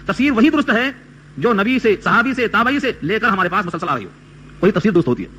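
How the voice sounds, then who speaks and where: A man's voice: sits high, bright, forceful tone, a little hiss or hum. A man giving a Quran commentary sermon, explaining step by step and quoting Arabic verses. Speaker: Quran teacher.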